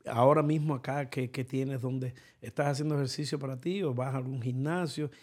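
A man's voice: mid-range voice, steady tone, brisk, a little mellow. A man hosting a podcast interview, rambling into long explanations. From Cuba. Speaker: podcast host. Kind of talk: casual interview chat.

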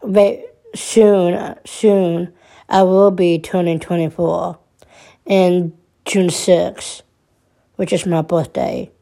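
Slow, halting woman in her twenties. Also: on the low side, steady tone, creaky, mellow. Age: 20s. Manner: halting, with many restarts and repeated words; subdued and troubled. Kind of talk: personal confessional monologue.

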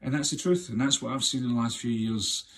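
Fairly quick and fairly bright, with a steady tone, this Scottish man in his fifties, a filmmaker and actor, delivers an unscripted podcast rant full of swearing and rhetorical questions. His passion comes through low-quality audio, since the camera mic was placed too far from him.

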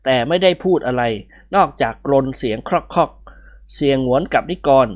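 A reader narrating a comic adventure novel aloud with expressive storytelling. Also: mid-range voice, normal speed. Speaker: audiobook reader.

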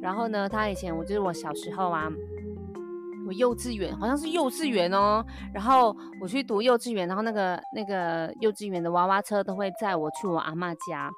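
Animated Taiwanese woman telling stories. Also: mid-range voice, a little fast, over music. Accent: Taiwanese Mandarin. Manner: animated storyteller who acts out quoted voices. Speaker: podcast co-host. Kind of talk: casual chat.

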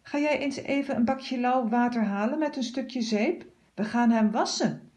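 A woman's voice: fairly high pitch, normal speed, darkish tone, natural voice. A woman voicing a bossy, sweet little girl in a storybook, with a sugary, coaxing manner.

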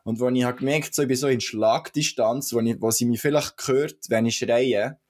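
A man from Switzerland with a Swiss German accent, co-hosting a casual podcast chat and telling a story with lively acted-out moments. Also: mid-range voice, normal speed. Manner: animated storytelling, acts out shouting. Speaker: podcast co-host.

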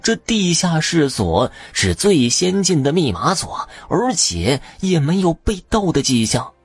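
A man narrating an audio story in an expressive, dramatic way. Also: on the high side, a little slow, breathy edge, dry recording, faint music behind.

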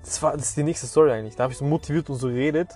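A man's voice: a little high, very fast, mellow, soft background music. A young man in casual chat, slangy and joking with sarcastic asides.

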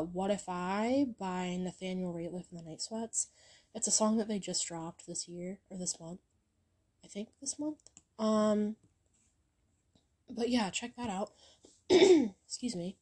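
A woman's voice: medium pitch, warm tone. A young woman chatting casually on her channel, recommending songs in a rambling way full of ums and likes. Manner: rambling, filler-heavy, lots of ums and likes. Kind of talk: casual music chat.

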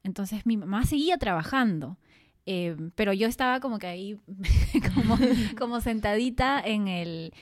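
A woman's voice: medium pitch, expressive, normal speed, dry recording, studio quality. A young woman, co-hosting a podcast in casual chat, thinking aloud with many fillers. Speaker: podcast co-host.

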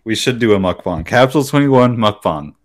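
A man's voice: on the low side, expressive, fairly quick. A man co-hosting a podcast in casual chat, explaining tech setups patiently with jokes. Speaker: podcast co-host.

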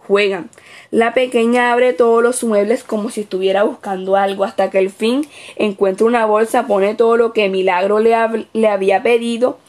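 A woman's voice: fairly high pitch, steady tone, moderate pace, darkish tone. A woman reading aloud her written observation report as a student observer, with small slips and self-corrections.

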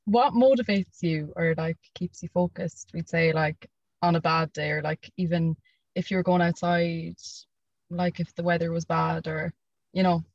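A woman's voice: lowish voice, fairly even intonation, unhurried, a little mellow, no room sound, dull audio. A dry, slightly dulled recording of a young Irish woman. She hosts a podcast and asks her questions in a casual, conversational way, with an Irish accent. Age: young adult. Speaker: podcast host, interviewer. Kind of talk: casual interview chat.

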